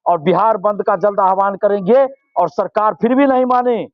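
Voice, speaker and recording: A man's voice: sits high, moderate pace, no room sound, highs cut off. A male student leader, giving impassioned interview answers and repeating phrases for force.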